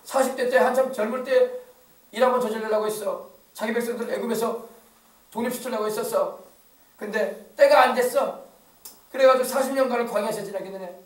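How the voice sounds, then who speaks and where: A man's voice: very high-pitched, fairly even intonation, fairly quick, long pauses. A man preaching a rousing sermon as a pastor, with a regional Korean accent from the Yeosu area. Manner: rousing call-and-response preaching. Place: church sanctuary. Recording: echoey church from far off.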